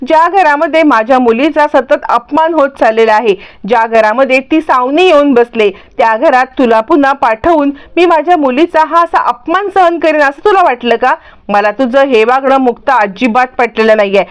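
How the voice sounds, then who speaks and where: A woman's voice: high voice, normal speed, lightly acted. A woman voicing an angry, protective middle-aged mother who scolds her daughter. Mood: scolding. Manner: scolding, indignant.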